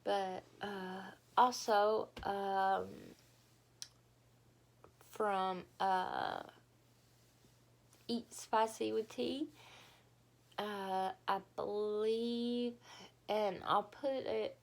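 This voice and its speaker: A woman's voice: mid-range voice, steady tone, extremely slow, long pauses. A tired, unwell-sounding woman, chatting casually and hesitantly to viewers in a rambling way, recorded on a phone. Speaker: mukbang vlogger. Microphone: phone camera.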